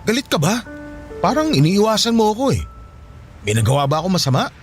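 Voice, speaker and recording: A man's voice: sits high, sing-song, a little fast, faint music behind. A man acting in a radio drama as a young man who pleads and keeps asking questions, then apologizes. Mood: pleading.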